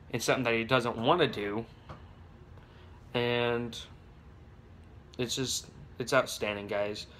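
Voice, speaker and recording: A young man talks to his phone camera at home in a loose, rambling vlog, restarting his sentences and leaning on fillers. His voice sits at an ordinary middle pitch. A faint hum of noise runs under the recording. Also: a bit bright. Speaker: vlogger. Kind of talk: casual vlog. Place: home with babies heard nearby.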